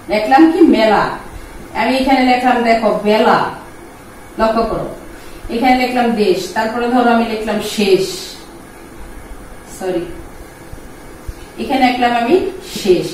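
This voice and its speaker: A woman, teaching pronunciation, patiently repeating words slowly for her students. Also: on the high side, recorded from a distance, a little hiss or hum. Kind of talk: explaining Bengali pronunciation lesson. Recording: echoey room, voice from off-mic.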